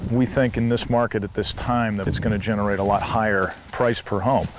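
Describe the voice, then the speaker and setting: A man's voice: lowish voice, fairly even intonation, fairly quick. A man talking casually as a property developer showing someone around his development. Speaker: property developer giving a tour. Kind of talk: casual walk-through sales talk. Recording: noisy on-location documentary sound.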